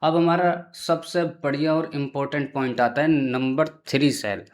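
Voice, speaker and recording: A man's voice: on the high side, steady tone, measured pace. A man hosting a casual screen-recorded tutorial, chatty and often checking in with the viewer. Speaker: tutorial host.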